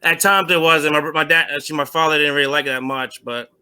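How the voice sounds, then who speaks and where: A middle-aged man from Vermont answering interview questions on a call, halting with many restarts and fillers. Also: fairly high pitch, fairly even intonation, bright, forceful tone, slight background noise. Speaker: guest, former semi-pro football player.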